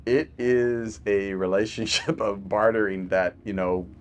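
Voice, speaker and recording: Over a video call, a man who works as a physician talks casually as a podcast guest, spinning stories packed with fillers and laughs. His voice sits on the lower side, and he keeps a steady tone at a measured pace.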